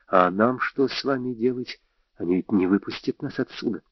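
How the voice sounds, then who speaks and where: A man voicing a frightened young woman in an audiobook, speaking anxiously and hushed. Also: medium pitch, moderate pace, no room sound, close to an everyday voice. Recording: dry, slightly dull audio.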